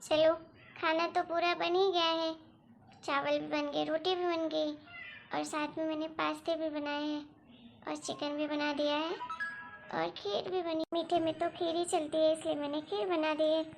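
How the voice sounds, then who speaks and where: A very high, soft-spoken young bride in a cartoon story, eager to please, played by a woman. Her sweet, pleading voice sounds earnest and a little anxious. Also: flat delivery, normal speed, creaky, faint music behind. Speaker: daughter-in-law. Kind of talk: animated story voice acting.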